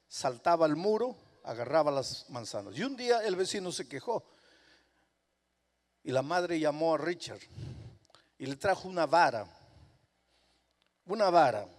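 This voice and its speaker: A male pastor, telling a story in a sermon and swinging from hushed tones to impassioned outbursts. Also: on the high side, lively intonation, a little slow, long pauses. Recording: echoey hall reverb.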